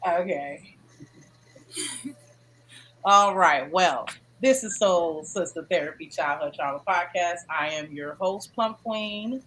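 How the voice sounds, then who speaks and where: A woman's voice: on the low side, lively intonation, takes it slowly, long pauses, fairly bright tone, a little hiss or hum, rough recording. A woman hosting a casual podcast over an online call, talking in a loose, chatty way and often saying "you know what I'm saying". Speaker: podcast host.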